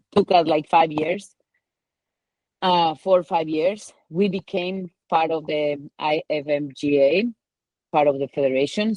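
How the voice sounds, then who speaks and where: A woman's voice: sits low, warm tone, no room sound, rough recording. A woman from Ecuador with a Spanish accent, a mountain guide telling her story in a casual interview, rambling with many "like" and "you know" fillers.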